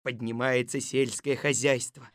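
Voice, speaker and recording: A woman voicing a calm, terse male detective chief in an audiobook, giving clipped commands. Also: extremely low pitch, measured pace, no room sound, studio quality, voice pushed down. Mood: brisk. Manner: clipped, matter-of-fact commands. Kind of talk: audiobook character voice.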